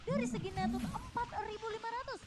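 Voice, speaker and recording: A woman's voice: very high voice, fast, very noisy. A woman with an Indonesian accent giving live esports commentary alongside fellow casters. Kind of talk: live match commentary with partners.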